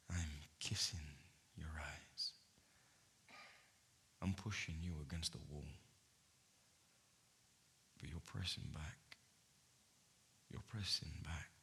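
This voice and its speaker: An actor playing an ardent male poet on stage, pouring out love in hushed, intimate tones that swell to fervor. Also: low voice, full character voice. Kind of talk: staged theatre performance.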